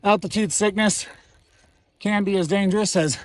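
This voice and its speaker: A man's voice: high voice, fairly even intonation, moderate pace, slight background noise. A man out of breath, recording a casual vlog outdoors on a mountain trail while he rides, with a camera mounted on his bike, and he talks in short bursts between pedal strokes. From Colorado. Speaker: real estate agent vlogger.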